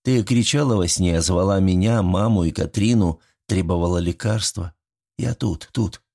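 A man with a low, gravelly voice voicing a calm, caring young man in an audiobook. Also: moderate pace. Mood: soothing. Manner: soothing, soft-spoken. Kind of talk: audiobook character voice.

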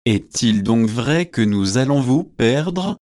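A man reading aloud and voicing a warm, eager young male student who welcomes an old friend, in a slow, measured way. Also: medium pitch, animated, no echo, clean studio sound. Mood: welcoming.

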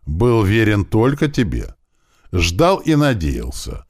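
A man voicing a scrawny, excitable old village man who wheezes and yelps. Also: fairly low pitch, takes it slowly, dry recording, clean studio sound, voice pushed up, full character voice. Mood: wheezing. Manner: yelping, wheezing strain.

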